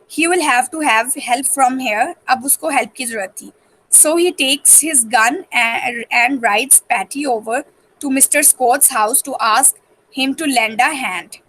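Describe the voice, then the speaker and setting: A woman teaching a reading-comprehension class, switching between English and Hindi and alternating slow dictation with rapid explanation. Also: sits high, fairly bright tone, poor audio. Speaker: school teacher. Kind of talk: online reading-comprehension lesson.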